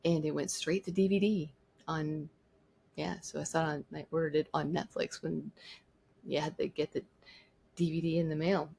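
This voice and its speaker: A woman's voice: deep voice, steady tone, moderate pace, gravelly, a little mellow, breathy edge. A woman vlogger giving an opinionated monologue, emphatic and repeating her points for stress. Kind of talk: opinionated talking-to-camera monologue.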